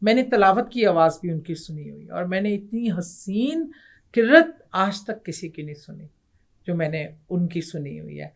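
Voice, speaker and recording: A woman's voice: fairly low pitch, gravelly. A middle-aged woman from Pakistan recounts a ghost story as an interview guest. She tells it vividly, acting out voices and quotes as she goes. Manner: animated, vivid retelling with acted quotes.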